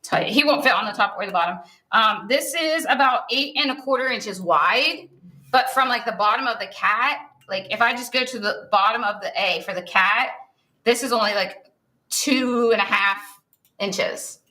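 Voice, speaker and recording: A woman's voice: on the high side, normal speed, pushed and bright. A woman demonstrating stenciling on a craft livestream, chatty and playfully teasing her co-host.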